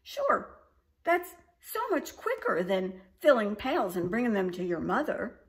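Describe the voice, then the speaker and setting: A woman's voice: mid-range voice, sing-song, measured pace. A woman voicing a sly, stubborn clever young girl who talks in a cool, unbothered way.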